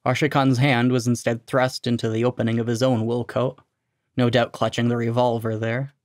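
A man narrating a short story in a steady, even storytelling delivery. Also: mid-range voice, moderate pace, dry recording, clean studio sound.

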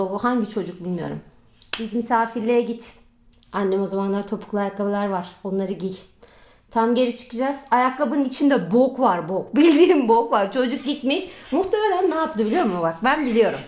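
A woman's voice: on the high side, lively intonation, brisk, a little mellow. A woman telling funny childhood stories in a casual vlog, chatty and crude, laughing often. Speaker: vlogger. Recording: roomy echo.

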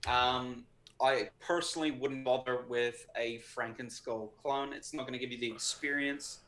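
A man's voice: mid-range voice, fairly even intonation, moderate pace, fairly bright tone. A young man co-hosting a casual livestream, talking informally with some swearing. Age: young adult. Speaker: co-host. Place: indoor room, livestream video call.

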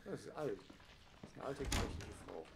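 A man's voice: medium pitch, big pitch swings, moderate pace, creaky, a little hiss or hum. A man co-commentating a gameplay session with short, dry remarks and hints to the player, on a headset. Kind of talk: casual let's-play chat.

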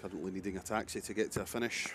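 A man's voice: deep voice, steady tone, rapid-fire. A man giving live darts commentary alongside a co-commentator. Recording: faint venue noise behind.

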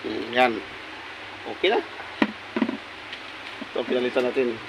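A man's voice: mid-range voice, fairly even intonation, normal speed, very noisy. A repair technician talking casually through fixing a pressure washer pump at his workbench, pointing out parts in short remarks. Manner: talks while working, many short pointing remarks. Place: workshop bench.

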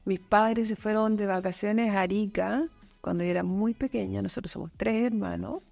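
A woman in her fifties from Chile, a company manager, appears as a guest in a casual office studio interview, speaking thoughtfully into a desk boom mic with many fillers and restarts. Her voice is medium-pitched, steady, gravelly, and a little mellow, at normal speed, with soft music in the background.

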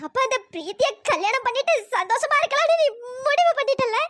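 A performer voicing a heartbroken young woman who is crying and lamenting, in a pitch-shifted cartoon voice. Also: very animated, fast talker, a bit bright, full character voice. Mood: despairing. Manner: sobbing, desperate lament.

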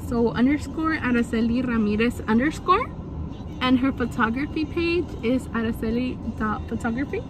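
A woman's voice: on the high side, normal speed. A young woman vlogging in casual chat, swearing freely and slipping Spanish words into her English. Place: outdoors after a photoshoot. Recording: noisy outdoor ambience with traffic.

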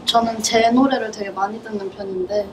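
A woman in her twenties chatting casually and politely as an interview guest, quick to giggle. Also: mid-range voice, fairly even intonation, background noise. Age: 20s. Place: indoor rehearsal room with drum kit. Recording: distant mic, music behind.

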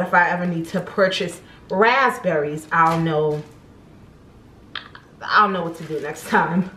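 A woman's voice: mid-range voice, a bit bright, echoey room, slight background noise, low-quality recording. A young woman vlogger chatting casually at home in her kitchen, rambling with lots of "um" and "like" as she goes. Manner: chatty, rambling, many fillers. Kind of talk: casual grocery haul chat. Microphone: camera on table in front.

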